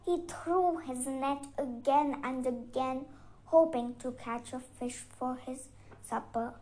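A woman storyteller reading a bedtime fairy tale aloud in a gentle, expressive way. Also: high-pitched, slow, low-quality recording.

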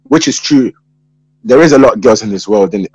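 Husky young London roadman talking emphatically. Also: on the low side, animated, brisk, a little mellow, dry recording, lo-fi sound. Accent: London roadman, multicultural urban slang. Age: young adult. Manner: emphatic, opinionated, repeatedly checking he is understood. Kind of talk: casual slangy chat.

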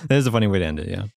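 Male co-host, quick and easygoing, lowish voice in a dry room, agrees a lot. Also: creaky, a little mellow, no room sound. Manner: agreeable, says yeah a lot, quick rambling. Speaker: podcast co-host. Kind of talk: casual movie review chat.

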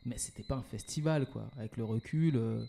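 A man being interviewed about his work as an entrepreneur and event organizer, talking casually with many pauses and restarts and slipping in English words. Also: medium pitch, vocal fry, warm tone.

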